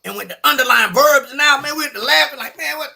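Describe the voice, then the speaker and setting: A middle-aged man telling a story in a colloquial, animated way, often acting out the people he quotes. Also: extremely high pitch, a little fast, gravelly. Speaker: podcast guest. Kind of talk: casual storytelling.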